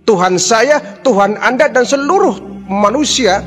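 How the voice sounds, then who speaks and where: A man voicing a devout, fearless woman servant in a preached story, making calm, firm declarations. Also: extremely high pitch, unhurried, breathy edge, soft background music, pitched above the performer's own voice, exaggerated voice. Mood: defiant.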